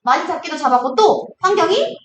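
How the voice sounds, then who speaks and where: Woman cram-school tutor, animated lecture, acts out dialogue, roomy classroom sound with faint noise. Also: very high voice, a little fast. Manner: lively, acts out characters' lines in quotes, asks students questions. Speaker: Korean literature tutor.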